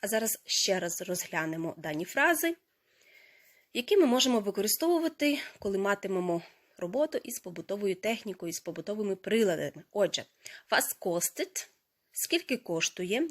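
Woman slowly teaching German vocabulary. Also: mid-range voice. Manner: slow, careful pronunciation of foreign words; explains grammar step by step. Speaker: language teacher. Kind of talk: teaching a lesson.

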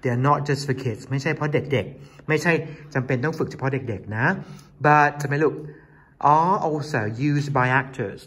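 A man's voice: medium pitch, slow, a bit bright, slightly rough. A man with a Thai accent teaching an English class, mixing Thai and English as he coaxes his students along.

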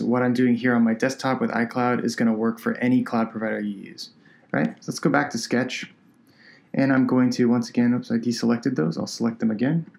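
Nasal guy walking thru a software demo, easygoing, mid pitch. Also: gravelly. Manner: relaxed, conversational step-by-step explaining. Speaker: product designer. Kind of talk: screencast software tutorial.

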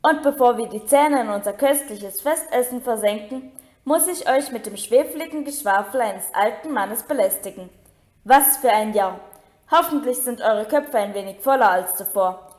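A woman's voice: fairly high pitch, moderate pace, darkish tone, close to an everyday voice. A woman reading aloud as a cheerful, playful old headmaster giving a grand speech. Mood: jovial. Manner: jovial, grand.

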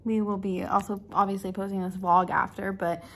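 A woman's voice: medium pitch, flat delivery, brisk, a little hiss or hum. Chatty young woman vlogging. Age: young adult. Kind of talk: casual travel vlog chat.

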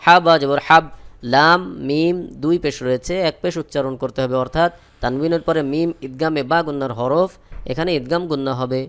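A man with a Bangladeshi Bengali accent teaching Quran reading, spelling out each letter and vowel mark, then chanting the verses slowly. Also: fairly high pitch, clean tone. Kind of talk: slow spelled-out Quran recitation lesson.

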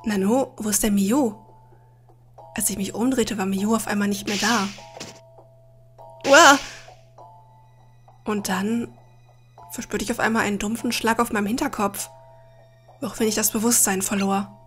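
A woman playing a video game and reading all of its dialogue aloud in her own voice, with dramatic, expressive delivery. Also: mid-range voice, normal speed, pauses often, faint music behind. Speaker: Let's Play gamer.

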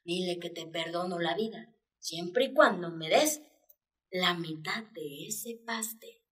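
A woman voicing a sly, hungry scruffy tomcat from a children's story, talking low and slow in a scheming way. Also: fairly bright tone. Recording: voice picked up from a distance.

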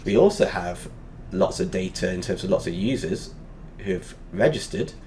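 A man teaching a lesson over a whiteboard drawing, explaining step by step and pausing often with fillers. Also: sits low, a little mellow, a little hiss or hum.

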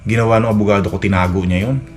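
Man, casual storytelling vlog with faint music behind. Low voice, rambling with many restarts. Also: fairly even intonation, very fast, a little mellow. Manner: rambling, many restarts and fillers, acts out quoted dialogue. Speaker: vlogger. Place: Edmonton, Canada.

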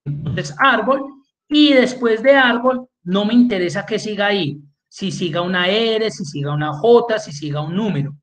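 This male instructor runs an online spreadsheet class, walking students through each step and stopping to check on them. He speaks with a high-pitched, slightly bright voice at a moderate pace.

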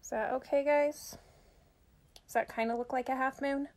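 A woman's voice: high voice, fairly even intonation, moderate pace, darkish tone. A middle-aged woman doing a casual live makeup tutorial, chatting with her viewers as she works. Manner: chatty, talks to viewers while working. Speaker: makeup vlogger.

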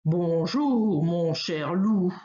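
A woman voicing a big, overly affectionate male bear in a storybook reading, hearty and booming. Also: extremely slow, warm tone. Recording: roomy, slightly dull recording.

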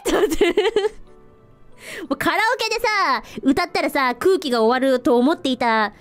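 High-pitched woman, very animated, giggly self-mocking streamer chat, faint music behind. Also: moderate pace. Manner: refers to herself in third person as captain. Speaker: virtual streamer. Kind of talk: casual livestream chat.

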